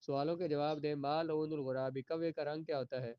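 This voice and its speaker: A man teaching an Arabic grammar lesson, reading each sentence slowly and then translating and explaining it. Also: a little high, fairly even intonation, clean tone, no room sound, highs cut off.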